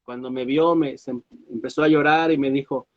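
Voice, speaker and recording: A man, a pastor, telling a personal story, halting with fillers and restarts. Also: mid-range voice, fairly even intonation, lo-fi sound. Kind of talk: sermon testimony.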